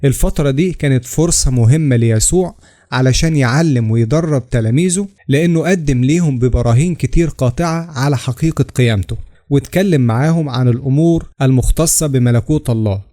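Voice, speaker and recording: A man with an Egyptian Arabic accent reading scripted religious narration, steady and explanatory, citing scripture references. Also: mid-range voice, fairly quick. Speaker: channel narrator.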